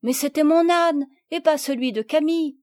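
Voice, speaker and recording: A proud young girl from a storybook reading, voiced by a woman narrator, pitched high and speaking out earnestly. Her lines come lively and emphatic. The recording is dry. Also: moderate pace, no room sound, lightly acted.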